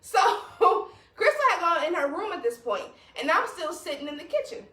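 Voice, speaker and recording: Woman host: very high, lively voice, laughing storyteller, roomy distant mic. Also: moderate pace. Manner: laughing often, animated storytelling. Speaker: podcast host. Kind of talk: casual storytelling chat.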